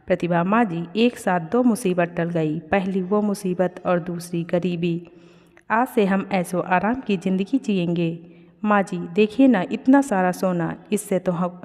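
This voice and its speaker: Brief: a woman doing a sly scheming young woman in a storybook, lowish voice, reverb. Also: unhurried, a little mellow, lightly acted. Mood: greedy. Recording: long reverb.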